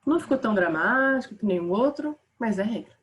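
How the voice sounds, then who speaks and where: A woman's voice: on the high side, animated, fairly quick, low-quality recording. A woman with a Brazilian Portuguese accent teaching a casual online grammar lesson, chatting with her students.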